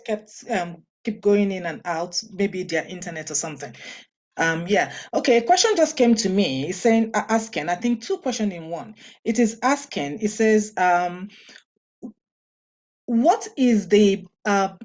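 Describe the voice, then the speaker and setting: A woman's voice: medium pitch, expressive, a little slow, darkish tone, highs cut off. A woman moderating an online webinar, relaying audience questions hesitantly with many ums. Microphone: video call.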